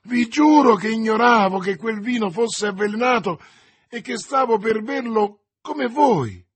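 A man voicing a young hot-blooded musketeer in an audiobook, speaking in an excited, pleading, raised voice. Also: high-pitched, a little slow, husky, pitched above the performer's own voice, full character voice. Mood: frantic. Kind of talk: audiobook character voice.

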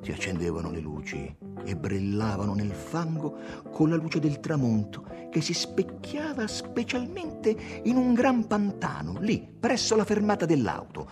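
A man giving a theatrical, expressive reading of a literary novel on a studio mic. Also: lowish voice. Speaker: audiobook reader.

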